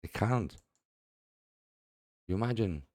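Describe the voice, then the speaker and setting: Deep, dark-voiced man discussing scripture. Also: lively intonation, takes it slowly, no room sound, clean studio sound. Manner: reads scripture aloud, laughs often, repeats "see". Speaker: religious video host. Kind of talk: casual religious commentary.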